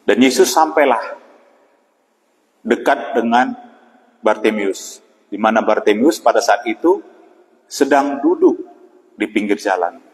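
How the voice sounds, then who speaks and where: Man preaching an evening devotional, reverberant. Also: on the low side. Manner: unhurried, with frequent "ya" and pauses. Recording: long hall reverb.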